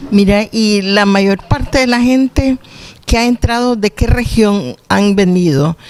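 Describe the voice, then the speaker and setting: A woman's voice: medium pitch, slow, a little mellow. A woman. She works as the interviewer, putting her questions in a conversational way.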